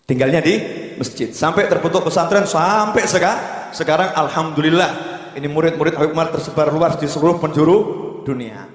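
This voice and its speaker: A man preaching a sermon in lively storytelling, rising into exhortation. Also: a little high, brisk. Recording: echoey hall with long reverb.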